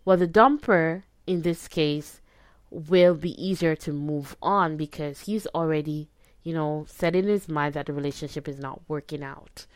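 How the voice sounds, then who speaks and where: A woman's voice: deep voice, moderate pace, dry recording. A woman hosting a podcast, giving casual advice in a conversational way and often checking in with short tag questions. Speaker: podcast host. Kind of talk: casual advice talk to listeners.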